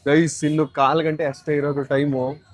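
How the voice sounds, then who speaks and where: A man hosting a street challenge vlog outdoors, his voice sitting a bit higher than most men's. He approaches strangers with quick, polite requests, then turns to chat with his viewers. The sound is dry and close, with little room echo. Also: level tone. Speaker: vlogger doing a street challenge. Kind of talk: casual street vlog, talking to camera and strangers.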